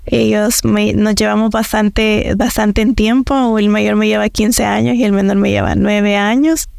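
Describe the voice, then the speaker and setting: Gravelly Salvadoran woman, guest testimony. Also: medium pitch, level tone, measured pace, darkish tone, no echo, studio quality. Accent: Salvadoran Spanish. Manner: hesitant, many fillers. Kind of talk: interview testimony.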